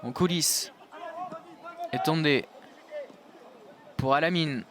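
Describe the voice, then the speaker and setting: High-pitched, excitable male football commentator. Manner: excitable, builds to drawn-out goal calls. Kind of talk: live match commentary. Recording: outdoor crowd noise behind commentary. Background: outdoor stadium crowd.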